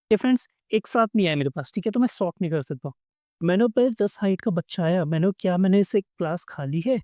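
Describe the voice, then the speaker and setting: A man's voice: sits high, mellow, dry recording, studio quality. A man teaching a coding problem in a casual, chatty way, talking to viewers as friends and acting out small back-and-forth dialogues. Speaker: coding tutorial instructor. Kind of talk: casual explanatory lesson.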